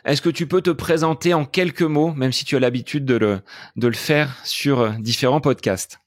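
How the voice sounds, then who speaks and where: A man's voice: mid-range voice, moderate pace, dry recording. A man hosting a running podcast, asking formal, structured questions. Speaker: podcast host. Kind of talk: podcast interview.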